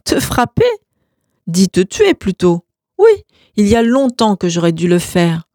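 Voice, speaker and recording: A hot-tempered man on the edge of violence, threatening and shouting, played by a woman reading aloud. The voice climbs high and loud, yet keeps a mellow, dry sound. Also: big pitch swings, measured pace, dry recording. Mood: furious.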